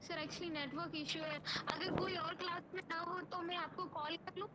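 A woman's voice: very high voice, steady tone, normal speed. A polite woman student on an online class call, her voice breaking up over a bad network connection. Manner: polite and deferential. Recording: noisy, distant laptop call audio.

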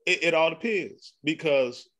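Man, podcast host, casual conversation, laughing, bright forceful tone. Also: on the high side, expressive, measured pace. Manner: loose, laughing, repeats 'man'.

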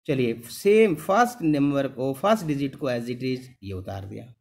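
A man's voice: mid-range voice, big pitch swings, unhurried, a little mellow. A middle-aged man teaching a maths lesson, patiently repeating each step and checking whether his students follow. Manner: calls the students "beta", keeps asking "clear?". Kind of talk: classroom lesson.

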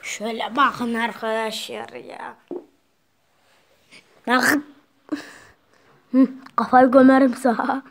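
At home indoors, a woman vlogger films a casual video showing her pet parrot, cooing at the bird and repeatedly addressing viewers as friends. Her voice is on the high side, slow and creaky, with a steady tone and frequent pauses.

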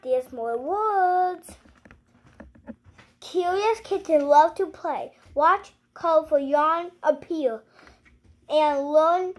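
In a living room at home, a high-voiced child reads a picture book aloud, slow and halting. Like a young host presenting from home, the child keeps it playful, tossing in exclamations and little asides to viewers.

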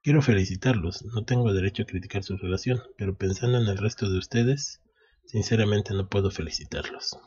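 A man's voice: lowish voice, a little fast, warm tone, slightly rough, highs cut off. A man recapping a manga chapter in a casual way, reading the lines aloud with frequent restarts. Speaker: anime recap host. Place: at home.

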